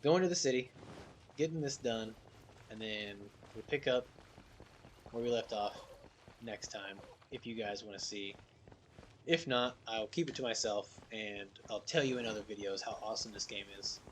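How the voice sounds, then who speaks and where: A man's voice: fairly low pitch, moderate pace, slight background noise, poor audio. A man giving casual, slangy commentary on a video game, addressing his viewers.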